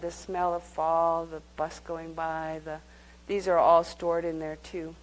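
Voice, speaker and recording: A woman's voice: sits low, flat delivery, measured pace, poor audio. A woman leading a live workshop, speaking conversationally and guiding the group through exercises. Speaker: workshop teacher.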